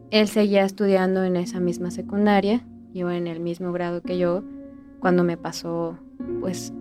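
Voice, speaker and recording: Soft-spoken Mexican woman telling a ghost story. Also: lowish voice. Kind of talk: recounting a personal ghost story. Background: music.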